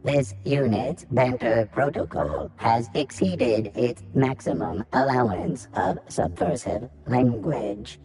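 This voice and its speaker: Robot bartender booting up, deadpan machine voice, slow, gravelly. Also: male voice, medium pitch. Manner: deadpan, mechanical announcements. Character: robot bartender unit running programmed banter. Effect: robot voice booting up and loading protocols. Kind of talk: video game voice acting.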